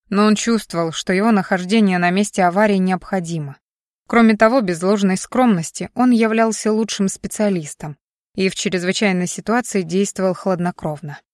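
A woman reading a science fiction novel as scripted audiobook narration, measured and even, dropping low and quiet at the ends of sentences. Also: no room sound, studio quality.

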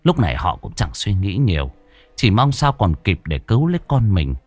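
Male narrator with a lively, dramatic delivery. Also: fairly low pitch, normal speed, dry recording, faint music behind. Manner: dramatic, expressive. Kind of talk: horror story narration.

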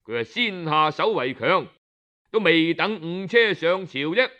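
Storytelling the traditional oral way, a Cantonese-accented man speaks colloquially and expressively, stretching out his particles. The recording is muffled, and his voice sits a little high.

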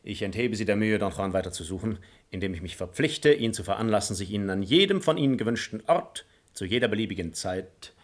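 A man's voice: lowish voice, expressive, quick pace. Don Juan, a proud, self-assured nobleman. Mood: firm, assured. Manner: formal, composed, assured. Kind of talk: German radio play acting of classic drama.

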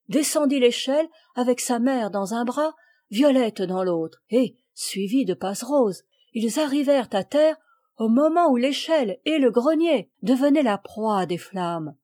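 A woman narrates a classic children's tale for an audiobook. Her voice sits a little high and sounds mellow and soft-edged. She lets the characters' cries rise in pitch and force. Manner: acts out the characters' cries with raised pitch and volume. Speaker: audiobook reader.

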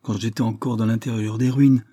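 Un homme incarne une jeune noble effrayée qui supplie et pleure, dans la lecture d'un roman. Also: male voice, on the low side, steady tone, a little fast, mellow, no room sound, studio quality, close to an everyday voice. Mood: distraught, pleading. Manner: tearful, trembling pleading. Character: frightened young noblewoman, tearful and pleading. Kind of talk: audiobook character reading.

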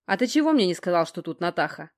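A woman voices a brash, easygoing young man who covers everything with jokes. He banters loudly and cheekily in an audiobook scene, in a voice close to the reader's own. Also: lowish voice, sing-song, fast. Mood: bantering. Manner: bantering, roaring, joking. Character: joking, brash young man, blustery buddy. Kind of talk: audiobook dialogue.

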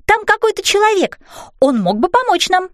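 An eager little girl of seven in a storybook, calling out and pleading with excitement, played by a woman reader. The voice climbs very high and bounces widely, recorded dry and close. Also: moderate pace, dry recording, heavily acted. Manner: bright pleading exclamations.

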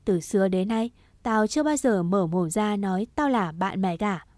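Một người phụ nữ đọc giọng một chàng trai trẻ cứng rắn, che chở, nói dứt khoát và đầy đe dọa. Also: female voice, mid-range voice, animated, moderate pace, a little mellow, dry recording, lightly acted. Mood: cold. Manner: firm, clipped and threatening. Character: stern protective young man, cold and resolute.

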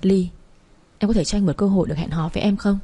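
A woman's voice: medium pitch, quick pace, mellow, breathy edge. A woman reading a fretful young man. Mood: tender. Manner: pleading, fretful. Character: anxious fond young man, easily scared.

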